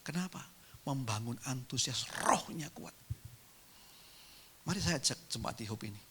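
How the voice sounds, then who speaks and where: A man's voice: medium pitch, lively intonation, moderate pace, background noise. A man pastor giving a sermon in church, telling a story animatedly and addressing the congregation directly.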